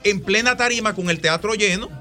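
A man, a singing guest on a radio show, telling a story in an animated way, acting out dialogue and singing bits. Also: high-pitched, brisk, music in the background. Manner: animated, acts out dialogue and sings. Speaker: singer, guest.

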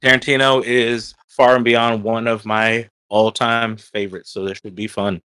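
A man talks casually as a podcast panelist. His voice has a bright, forceful edge and is recorded dry, with very little room sound. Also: on the low side, flat delivery, normal speed, clean tone, no echo. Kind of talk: casual chat.

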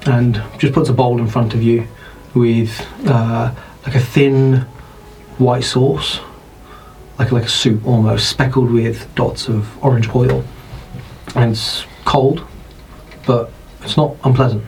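A man with a British accent, narrating as dungeon master in an unhurried, descriptive way. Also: mid-range voice, fairly even intonation, vocal fry, darkish tone, slight background noise, rough recording. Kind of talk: narrating a tabletop game.

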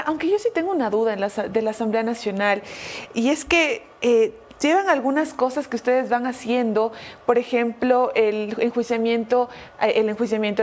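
Female co-host, courteous questions, slightly high voice. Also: a little mellow. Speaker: co-host interviewer. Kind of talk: news interview.

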